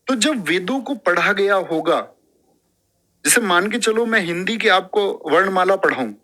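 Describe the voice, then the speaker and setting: A male teacher lectures a class in a lively, animated way. His voice sits a little high and sounds bright and forceful. He repeats terms aloud and sometimes recites verse. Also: measured pace.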